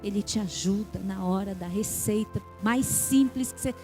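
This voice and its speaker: A middle-aged Brazilian woman pastor preaching a sermon, lively, acting out little dialogues and gasps. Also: mid-range voice, moderate pace, soft background music. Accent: Brazilian Portuguese.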